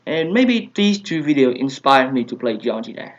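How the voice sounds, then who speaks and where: A young man, a native Vietnamese speaker with a Vietnamese accent, answers viewer questions in a casual Q&A vlog, hesitant and filling his speech with fillers and soft trailing asides. His medium-pitched voice has a sing-song lilt at a moderate pace. It's a dull, lo-fi home recording.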